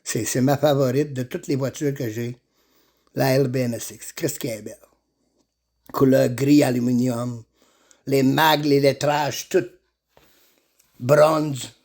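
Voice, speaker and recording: A man playing a boastful male Martian racer, with a put-on Russian accent and a slow, deadpan delivery in a comedy sketch. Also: mid-range voice, pitched below the performer's own voice.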